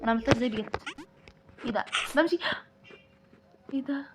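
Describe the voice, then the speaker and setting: A high-pitched, fast-talking woman with an Egyptian Arabic accent gives excitable let's-play commentary, exclaiming at every trap in the game. Steady noise hums under her voice. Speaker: gaming channel host.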